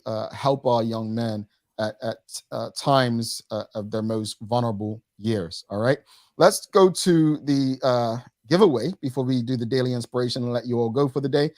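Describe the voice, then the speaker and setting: Man, talk show host, casual chat, upbeat announcing, mid pitch, dry close sound. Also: a little mellow, no echo. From Bermuda. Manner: upbeat, announcer-like sign-offs.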